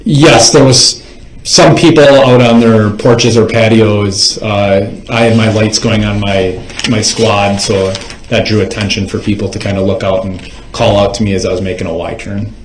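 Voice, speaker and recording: Male police witness, lowish pitch. Formal, measured courtroom testimony, roomy echo on the mic. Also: steady tone. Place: indoors in a courtroom. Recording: echoey courtroom microphone.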